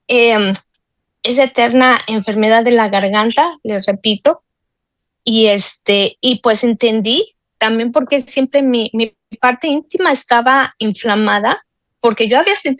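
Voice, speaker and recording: A woman in her forties shares a personal testimony in a slightly high voice. She talks earnestly and confidingly, often pausing on fillers and tag questions. The recording is dry and close, with no room echo. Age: 40s. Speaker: guest sharing a healing testimony.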